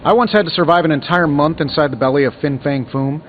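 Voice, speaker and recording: An actor playing a cocky, wisecracking tech genius superhero in a video game, with an American accent and sarcastic manner. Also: male voice, on the high side, fast, muffled recording, a little hiss or hum, close to an everyday voice. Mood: sardonic. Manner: glib, sarcastic quipping. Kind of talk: scripted video game voice acting.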